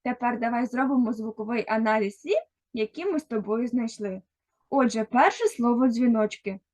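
This first-grade literacy lesson is led by a Ukrainian-accented primary school teacher who talks patiently and directly to a young child. She has a fairly high, slightly mellow voice and keeps a moderate pace.

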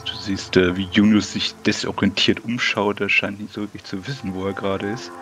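A man playing in a tabletop game, describing his character's actions slowly and haltingly. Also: lowish voice, little pitch movement, a bit bright, faint music behind. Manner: slow, halting. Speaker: player.

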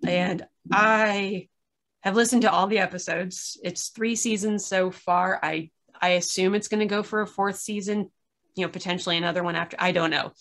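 A woman's voice: medium pitch, fairly even intonation, moderate pace, a bit bright. A tired woman chatting casually over a video call, giving a candid critique and laughing often as she complains. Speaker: podcast reviewer.

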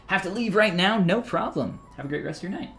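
A man's voice: sits high, expressive, quick pace, gravelly, fairly bright tone. Thirties guy chatting through a live sculpt tutorial, jokey, reads chat out, faint music and typing behind. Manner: chatty, joking, reads chat aloud while working. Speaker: 3D sculpting streamer.

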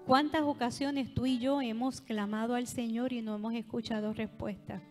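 A high-voiced woman with a Puerto Rican accent preaches to a convention crowd, her words ringing out through a big reverberant hall. She swings between loud, fervent calls and quieter asides. Faint music hums underneath. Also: fairly even intonation, normal speed. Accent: Puerto Rican Spanish. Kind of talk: sermon. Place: large hall at a church convention.

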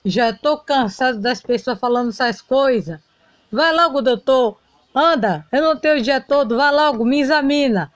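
A woman's voice: sits high, moderate pace, no echo, lightly acted. A woman voicing an ill young man in a doll soap-opera parody, bitter and short-tempered, snapping orders. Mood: impatient.

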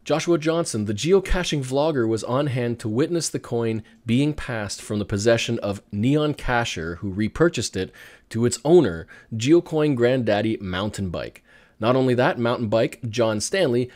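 A man hosting a hobby podcast, chatting in a relaxed, rambling way with filler words and small chuckles. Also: mid-range voice, moderate pace, no echo. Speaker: podcast host. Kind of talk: casual podcast chat.

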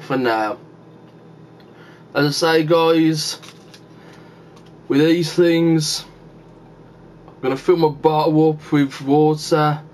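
A man's voice: fairly high pitch, steady tone, slow pace, long pauses, darkish tone, slight background noise. A man vlogging casually with his mouth full of sour candy, talking to his viewers in a rambling way through a handheld camera. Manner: rambling and chatty, often addressing viewers as guys. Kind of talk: casual vlog chat.

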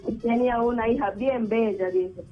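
A man's voice: very high voice, normal speed. A man from Peru calling in by phone, telling a joke in a casual storytelling way and acting out the characters. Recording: muffled phone line with faint music.

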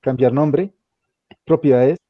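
A man's voice: medium pitch, slow pace, no room sound. A man teaching a hands-on computer class, giving directions step by step and repeating them often. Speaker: instructor. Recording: dull lo-fi recording.

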